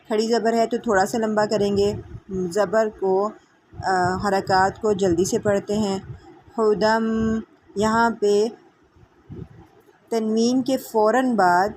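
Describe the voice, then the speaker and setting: A woman gives a tajweed lesson at an ordinary middle pitch. She explains the rules briskly and stretches the recited words slowly and carefully. A faint hiss of background noise sits under the recording. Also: darkish tone. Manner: slow drawn-out recitation between quick explanations. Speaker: Quran recitation teacher.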